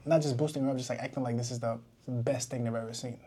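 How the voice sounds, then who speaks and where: A man co-hosting a casual podcast chat, joking and bursting into loud outbursts. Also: medium pitch, fairly even intonation, fast talker, a crowd in the background. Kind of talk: casual banter.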